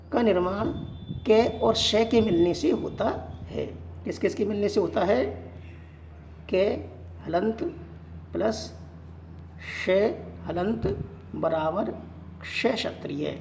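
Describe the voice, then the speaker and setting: A teacher giving a Sanskrit grammar lesson, asking questions and answering them, repeating points slowly. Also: medium pitch, darkish tone, a little hiss or hum. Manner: poses questions and answers them, slow and repetitive. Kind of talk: classroom-style grammar lesson.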